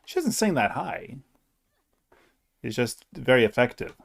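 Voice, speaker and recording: Relaxed man chatting over a movie. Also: mid-range voice, unhurried, vocal fry. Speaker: co-host. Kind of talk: casual chat.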